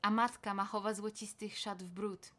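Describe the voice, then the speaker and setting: A woman voicing a seductive male elf king spirit who coaxes and menaces in a low, hushed manner. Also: flat delivery, moderate pace, close to an everyday voice. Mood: coaxing.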